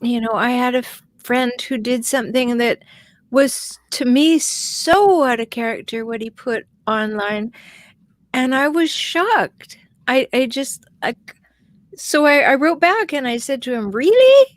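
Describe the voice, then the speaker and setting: Chatty woman, high dry voice. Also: unhurried, no echo. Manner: animated storytelling with restarts. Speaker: guest relationship expert. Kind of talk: casual podcast chat.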